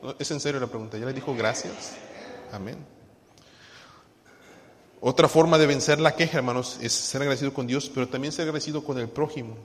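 A man's voice: mid-range voice, fairly quick, long pauses, in a large hall. A man preaching a sermon to a congregation, asking them questions and now and then singing lines of a hymn. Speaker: pastor.

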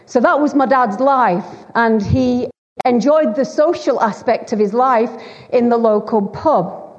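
Speaking unhurriedly in a darkish voice on the high side, a middle-aged Lancashire woman from Bolton, Greater Manchester, gives a guest sermon to a church congregation. Her manner is chatty and teasing, with plenty of self-deprecation. The church hall lends the dull recording a long reverb.

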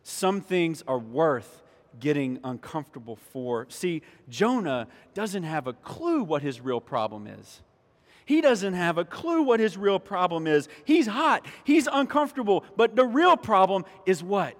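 A pastor preaching a sermon in a church, emphatic, repeating key lines and speaking directly to the congregation. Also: male voice, high-pitched, sing-song, measured pace. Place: church sanctuary. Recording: long hall reverb.

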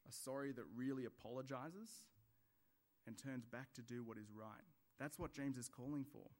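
A man preaching in church, with a conversational sermon manner and acted everyday examples. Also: medium pitch.

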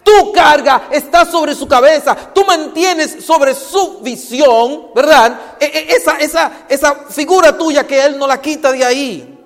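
A man with a very high voice preaches a sermon into a handheld microphone, pressing his listeners with rhetorical questions. He moves between loud, emphatic lines and hushed, quiet passages. A long reverb from the church hall trails every word. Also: unhurried, hardly any pauses.

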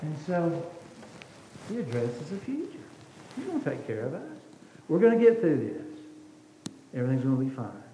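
A man's voice: fairly high pitch, wildly swooping pitch, moderate pace, long pauses, dark tone. A man preaching a sermon as pastor, earnest, repeating words and asking rhetorical questions. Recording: echoey hall with faint noise.

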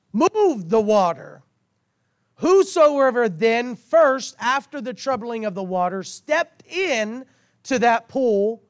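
A man preaching and praying to a congregation in a hoarse, failing voice, with drawn-out, emphatic phrasing and repetition. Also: very high voice, dry recording, clean studio sound. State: hoarse, losing his voice while recovering from illness. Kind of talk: sermon and prayer to a congregation. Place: speaking to a congregation through a sound system with monitor.

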